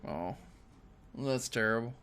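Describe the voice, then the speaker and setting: A young man co-hosting a casual podcast chat, trading deadpan teasing jokes with his friend. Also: medium pitch, slow pace, clean tone. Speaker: podcast co-host.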